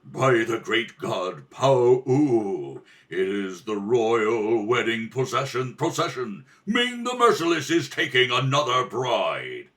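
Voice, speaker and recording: A man's voice: medium pitch, sing-song, slow pace, hardly any pauses, a bit bright, pitched below the performer's own voice. A man voicing a proud, noble warrior prince in a radio space serial, with formal, archaic speech. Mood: grave. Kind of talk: old-time adventure radio serial acting.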